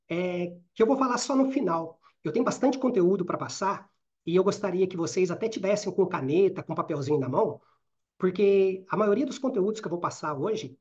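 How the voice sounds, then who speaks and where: Middle-aged Minas Gerais man as trainer in a live online session: rapid, informal, checking in with the audience, muffled lo-fi sound. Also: high-pitched, darkish tone. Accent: Minas Gerais Portuguese. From Brazil. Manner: talks fast, with frequent "né?" and "certo?" tags. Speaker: career and networking trainer. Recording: slightly dull lo-fi audio.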